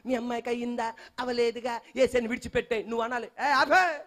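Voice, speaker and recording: A man's voice: very high-pitched, completely flat delivery, fast talker. A male pastor delivering a sermon to a congregation, with fervent, repetitive call-and-response preaching. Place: church.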